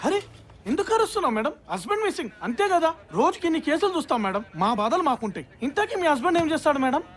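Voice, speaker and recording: An actress playing a brusque police station desk officer who bosses juniors and brushes off complainants. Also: female voice, high voice, very animated, fast. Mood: dismissive. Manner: brusque, dismissive, bossy with juniors. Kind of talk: dubbed film dialogue.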